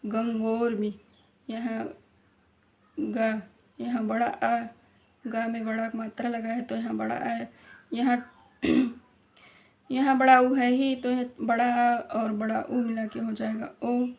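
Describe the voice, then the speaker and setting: Woman teacher going slow, kinda high flat voice, asks a question then answers it herself. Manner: slow and repetitive, quizzing with questions and answering them; clears throat now and then. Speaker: Hindi grammar teacher. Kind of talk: classroom lesson.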